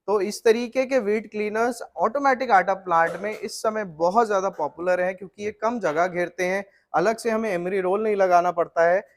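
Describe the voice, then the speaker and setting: A middle-aged man with a fairly high voice walks through flour mill machinery for the viewer. He explains each part in a steady, technical way. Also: moderate pace, hardly any pauses. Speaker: flour mill equipment seller. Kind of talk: explanatory product walkthrough.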